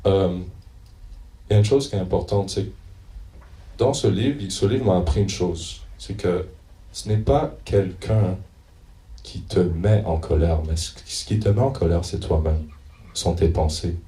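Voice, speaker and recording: Male preacher, very low mellow voice, hesitant delivery, roomy echo from a distant mic. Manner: hesitant, searching notes and reading passages aloud. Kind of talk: informal church teaching. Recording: echoey room, mic at a distance.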